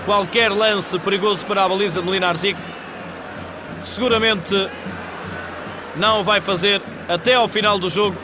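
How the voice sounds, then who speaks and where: A man with a European Portuguese accent giving live football match commentary in measured, descriptive phrases. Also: high-pitched. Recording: 1980s TV broadcast, loud stadium crowd noise. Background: football stadium crowd.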